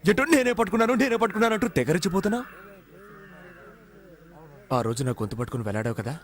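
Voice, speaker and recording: A cocky young con man locked up in a dubbed film. His voice sits high and runs fast. He teases and shoots back quick retorts. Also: big pitch swings. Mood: mocking. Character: cheeky jailed young male con man.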